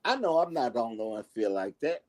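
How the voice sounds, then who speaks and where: A man's voice: medium pitch, big pitch swings, a little fast, a little mellow. A man co-hosting a talk show, giving opinions in an emphatic, joking way. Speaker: co-host. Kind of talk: casual opinionated chat.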